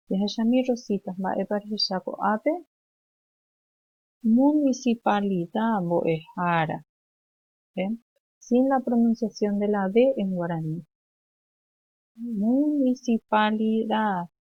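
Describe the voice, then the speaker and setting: A woman teaching young children, slowly saying words and phrases for them to repeat back. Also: mid-range voice, no echo, muffled recording. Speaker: preschool teacher. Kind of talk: remote language lesson for young children.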